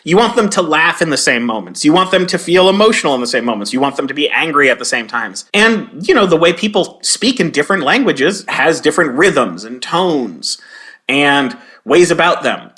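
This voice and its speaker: Bright, animated man telling stories. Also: a little high, moderate pace. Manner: animated, acts out quoted lines in a raised voice. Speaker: guest, game localizer and comedy writer. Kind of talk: conversational interview storytelling.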